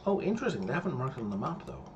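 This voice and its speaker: Racing along in a gravelly, sing-song medium-pitched voice, a gameplay streamer casually thinks aloud through a mystery game. He mutters to himself and explains history as he goes, heard in lo-fi sound with a noisy background and game music.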